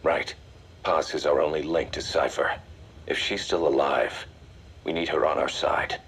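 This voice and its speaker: An actor playing a military intelligence strategist in a video game, delivering a grave, deliberate, commanding briefing. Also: male voice, rumbling low, fairly even intonation, a bit bright, slightly rough, full character voice. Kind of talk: video game voice acting, mission briefing dialogue.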